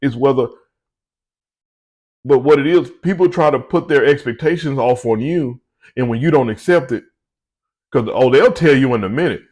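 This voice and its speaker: A man's voice: mid-range voice, moderate pace, pauses often, a little mellow. A man giving a conversational Bible teaching, slangy and rambling, speaking to his viewers. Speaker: faith speaker.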